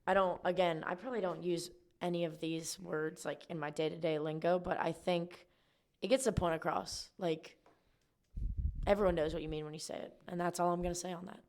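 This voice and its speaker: Young woman from Georgia, lowish warm voice; relaxed co-host, hedges and says "like" a lot. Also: a little fast. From Georgia, United States. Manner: relaxed, hedging, filler "like". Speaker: podcast co-host. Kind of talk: casual chat.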